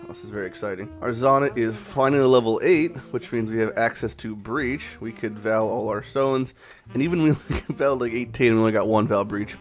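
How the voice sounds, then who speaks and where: In a lowish, raspy voice made hoarse by a cold, a man hosts a casual gaming commentary vlog for his channel. His talk is rambling and unscripted, with some swearing mixed in.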